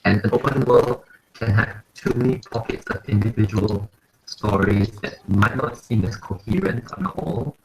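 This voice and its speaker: A man's voice: fairly low pitch, expressive, moderate pace, vocal fry, darkish tone, a little hiss or hum, poor audio. A man from Malaysia, a panelist speaking through an online voice call whose connection is staticky and breaking up. He talks in a thoughtful, hesitant way, with fillers and hedges. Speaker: panelist on a fan call-in hangout. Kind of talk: casual discussion.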